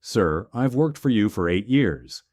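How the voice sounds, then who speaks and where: A man reading the part of a careful female assistant who raises concerns with her boss, speaking in a measured, respectful way. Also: lowish voice, big pitch swings, a little mellow, dry recording, studio quality. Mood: concerned. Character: assistant warning her boss, cautious woman.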